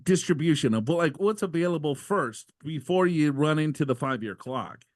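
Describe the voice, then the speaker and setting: A man's voice: fairly high pitch, lively intonation, moderate pace, dry recording, studio quality. A man co-hosting a podcast, reading listener questions aloud and adding playful asides in casual banter. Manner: joking, reads letters aloud with asides.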